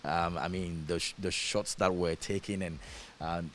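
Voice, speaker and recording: A man's voice: sits low, steady tone, unhurried. A man with a Ghanaian accent asking questions conversationally as an interviewer. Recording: background noise with hiss.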